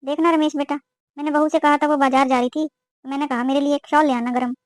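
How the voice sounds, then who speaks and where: A woman's voice: high voice, little pitch movement, fast talker, no room sound, lightly acted. A woman voicing a suspicious, scolding middle-aged mother-in-law in a cartoon. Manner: scolding, complaining. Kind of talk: cartoon voice acting.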